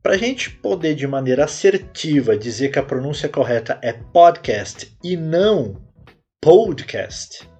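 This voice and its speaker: A man hosting a solo English-teaching podcast, explaining clearly and repeating words for emphasis. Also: medium pitch, expressive, normal speed, few pauses, a little mellow, soft background music.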